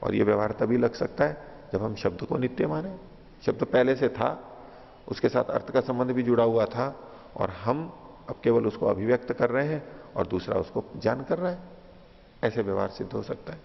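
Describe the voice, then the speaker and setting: Gravelly-voiced man teaching scripture. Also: medium pitch, normal speed. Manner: recites a verse, then explains it with patient repetition. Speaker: teacher of philosophy. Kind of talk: line-by-line scripture lecture. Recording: dull lo-fi recording in a reverberant hall.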